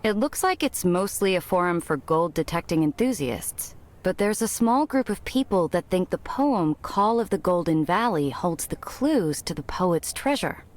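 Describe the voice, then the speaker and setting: Actress as earnest young woman asking questions in a game, lowish voice, lively intonation. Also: normal speed, few pauses, natural voice. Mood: worried. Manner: inquisitive, sincere. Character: earnest, inquisitive young woman searching for missing friend. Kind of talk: video game dialogue.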